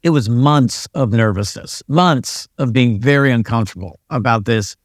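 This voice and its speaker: A man's voice: medium pitch, moderate pace, no room sound, studio quality. An older American man, a retired police sergeant and pastor, telling stories in a casual interview with a wry, self-deprecating manner. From United States.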